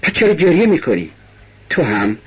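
A man voicing a feverish, guilt-ridden young man in a radio play, with a husky voice. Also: on the high side, wildly swooping pitch, lo-fi sound, pitched above the performer's own voice, full character voice. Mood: agitated. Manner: agitated, bitter outbursts.

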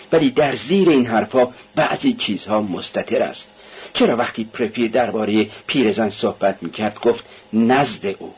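A man's voice: mid-range voice, husky. Raskolnikov, a man doing a feverish young suspect. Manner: tense, bitter, brooding inner muttering. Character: feverish, suspicious young man under questioning. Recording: dull lo-fi radio recording.

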